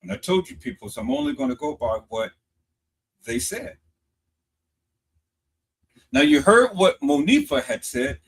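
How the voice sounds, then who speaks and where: A man giving emphatic commentary on a played clip, repeating quotes for effect and rising toward a shout. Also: fairly high pitch, very animated, a little slow, vocal fry, long pauses, slight background noise, poor audio.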